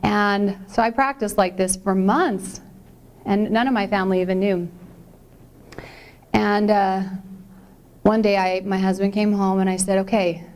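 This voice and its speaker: A middle-aged woman giving a conference talk as a personal story, chatty and acting out the dialogue she quotes. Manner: chatty, acts out quoted dialogue with lively pitch jumps. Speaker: conference speaker.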